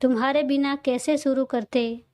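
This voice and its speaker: A woman voicing a brisk middle-aged mother who is firm with her daughter, in a read-aloud audio story. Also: high-pitched, fairly even intonation, darkish tone, no echo, clean studio sound, natural voice.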